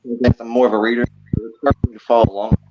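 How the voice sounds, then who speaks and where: A man joining a live show over a bad connection that keeps cutting out, talking in a hesitant, halting way. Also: medium pitch, level tone, loud music behind the voice. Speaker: remote guest on a live show. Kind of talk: casual chat. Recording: muffled noisy call line.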